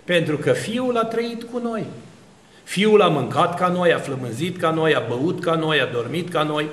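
A man's voice: on the high side, lively intonation, reverberant. A man preaching an Orthodox sermon, asking rhetorical questions and building long spoken lists. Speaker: Orthodox priest.

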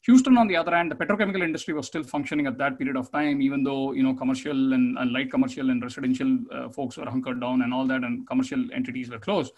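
A man's voice: medium pitch, fairly even intonation, fast, hardly any pauses. A man giving a webinar slide presentation over a video call, explaining steadily with many fillers and restarts. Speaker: conference presenter.

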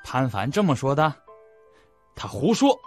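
An actor playing a petty, blustering middle-aged male shopkeeper in an audiobook drama, huffing and quick to shout. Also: medium pitch, big pitch swings, soft background music. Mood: agitated. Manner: hot-tempered, huffing, shouting. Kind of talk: audiobook radio-drama acting.

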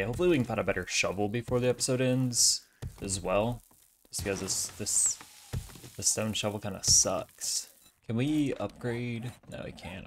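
Male gamer, low register, chatty self-mocking play-by-play, faint background noise. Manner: chatty, self-mocking, talks to himself while looting. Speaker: gamer playing a survival game. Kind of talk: casual gameplay commentary.

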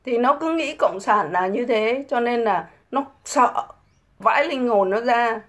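A woman's voice: on the high side, lively intonation, a little slow. A middle-aged woman ranting scornfully on a casual livestream, full of mocking rhetorical questions. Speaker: livestream host.

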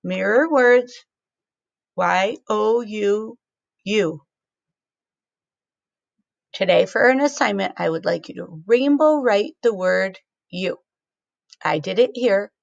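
A woman teacher giving a recorded morning lesson to young children, with a slow, sing-song, encouraging delivery. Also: medium pitch, animated, vocal fry, no echo, lo-fi sound.

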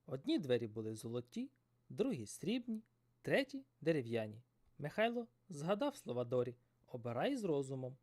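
A man narrating a fairy tale in an expressive, dramatic storybook style. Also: fairly high pitch, normal speed.

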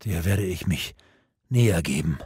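A man voicing a stubborn wounded knight, husky. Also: medium pitch, unhurried, darkish tone, no echo, clean studio sound. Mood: weak. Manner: defiant, then weak and breaking. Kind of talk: audiobook reading.

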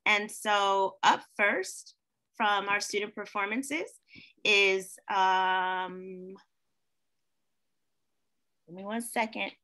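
Slow, bright-voiced woman hosting an event. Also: mid-range voice. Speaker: event host. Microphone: video call.

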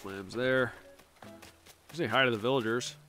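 With faint music behind him, a man streams a game in an unhurried, pushed, bright medium-pitched voice. He's chatty and jokey, a little sniffly from allergies, addressing both himself and the characters on screen.

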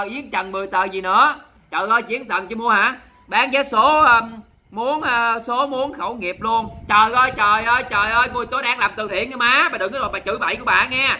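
A man's voice: very high voice, sharp tone. A man with a Southern Vietnamese accent hosting a charity livestream, chatting with viewers in a sassy, dramatic way and scolding them in jest. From Mekong Delta, Vietnam. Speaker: livestream host.

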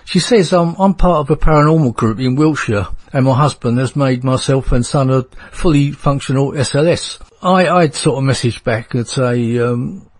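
A man's voice: mid-range voice, normal speed, hardly any pauses. A man with a London accent hosting a radio show, chatting casually and rambling with fillers. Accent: London English. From England.

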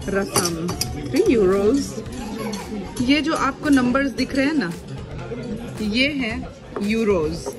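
A woman narrating a casual food vlog in a slow, deliberate way, reading menu items aloud. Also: a little high, animated, over loud music, a loud crowd. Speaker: food vlogger.

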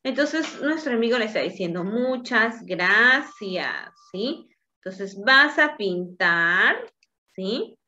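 A woman teaching young children in a slow, patient lesson. She coaxes them along, checking in after nearly every phrase. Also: on the high side, lively intonation, pushed and bright. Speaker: preschool teacher. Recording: dull lo-fi recording with faint music.

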